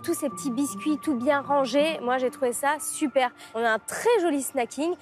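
High-voiced woman judging a bakery. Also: moderate pace, faint music behind. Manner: warm praising appraisal. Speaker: bakery judge. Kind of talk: food tasting commentary. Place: inside a bakery shop.

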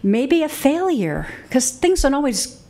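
Woman moderator, somewhat high voice, casual, restarts, library event. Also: sing-song, measured pace, mellow. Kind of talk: moderating a panel. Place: library event room, indoors.

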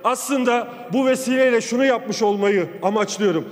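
A man delivering a forceful parliamentary speech at a rostrum pulpit microphone in a large chamber. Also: extremely high pitch, normal speed. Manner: forceful, emphatic oratory with repeated lists. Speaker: member of parliament. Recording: long hall reverb of a large chamber.

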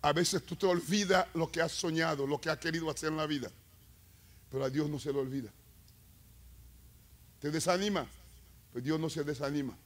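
A male evangelist preaching a sermon, telling stories and rising to loud climaxes with call-and-response. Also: fairly high pitch, moderate pace, long pauses. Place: church.

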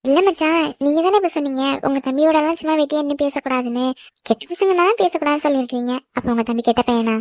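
A woman voicing a feisty, quick-tongued schoolgirl in a cartoon who protests and talks back. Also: high-pitched, darkish tone, no echo, natural voice. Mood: polite. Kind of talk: cartoon voice acting.

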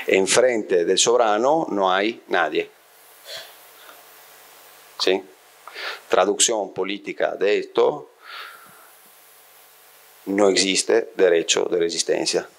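A middle-aged Italian man, mic in hand and close to his face, teaches a seated audience in a small room with shelves of books, in the style of a university lecture. The voice is very low, creaky and slightly bright. He frequently pauses with checking questions while working through his thoughts aloud.

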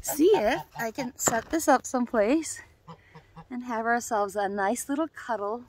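Slow-talking woman cooing to her geese. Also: on the high side, slight background noise. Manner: cooing baby talk to a goose, chuckling often. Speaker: vlogger. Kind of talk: casual outdoor vlog with pet geese. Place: outdoors on a cold farm property. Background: geese honking.

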